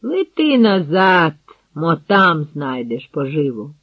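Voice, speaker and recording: A man's voice: fairly high pitch, very animated, slow pace, no echo, exaggerated voice. A man voicing a stern male warrior captain who barks urgent commands in battle, recorded dry and tinny like over a phone line. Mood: commanding.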